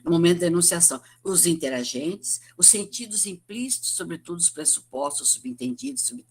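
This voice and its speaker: A woman with a Brazilian Portuguese accent lectures over a video call, her voice low and slightly husky. Her intonation swings widely as she explains, and she keeps adding tag questions and restarting phrases. It sounds like an academic talk given remotely. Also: expressive, a little fast, a little mellow.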